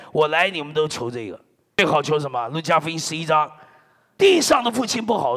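A middle-aged man from China, a pastor preaching a sermon in an animated, joking way, dropping in amen and hallelujah often. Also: on the high side, big-room sound.

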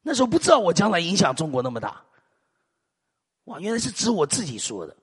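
A middle-aged man from Taiwan, preaching a sermon with lively storytelling and frequent hallelujahs and amens. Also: high voice, quick pace, slightly rough, in a large hall.

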